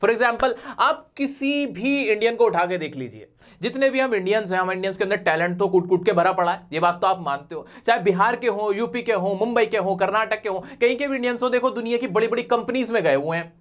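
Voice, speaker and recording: A man teaching a spoken English video lesson. He talks earnestly and directly, keeps checking in by asking whether the viewer has understood, and slows down to model English words one by one. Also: high-pitched, a bit bright.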